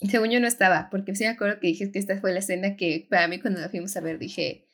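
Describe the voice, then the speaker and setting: A young woman with a Mexican Spanish accent, co-hosting a casual podcast chat, animated and laughing often. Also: mid-range voice, quick pace. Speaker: podcast co-host.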